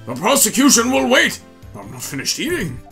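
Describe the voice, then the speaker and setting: A man's voice: high-pitched, huge pitch swings, moderate pace, gravelly, sharp tone, exaggerated voice. Guy doing flustered old judge in a game, theatrical, swoops all over, music behind. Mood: blustering. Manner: exclamatory, theatrical. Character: blustery, childlike, easily flustered old male judge. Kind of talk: comic voiced read-through of a courtroom video game.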